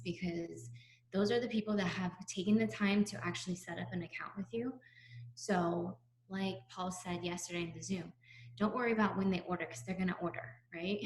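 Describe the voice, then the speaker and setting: A woman's voice: medium pitch, a little hiss or hum. Chatty woman on a roomy video call. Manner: chatty, upbeat, many fillers. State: out of breath. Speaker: sales team leader on a video call. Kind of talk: casual pep talk on a video call. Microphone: laptop mic on a video call.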